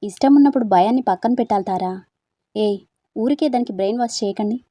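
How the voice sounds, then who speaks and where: Chatty young hostel girlfriends from a spoken storybook, teasing and prying with eager questions, all voiced by one woman narrator. The voice is a bit high and soft-toned, close and dry. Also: quick pace, no room sound, close to an everyday voice. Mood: curious, teasing.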